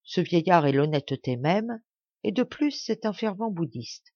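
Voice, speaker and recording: A woman narrating a fable in an audiobook, reading in a measured, even way. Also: lowish voice, no room sound, muffled recording. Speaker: audiobook reader. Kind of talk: storybook narration.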